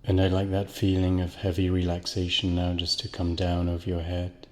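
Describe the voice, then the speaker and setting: Guiding listeners through hypnotic relaxation, a man speaks with a very deep voice that barely varies in tone. He repeats slow, calming phrases, each trailing away into lengthy reverb.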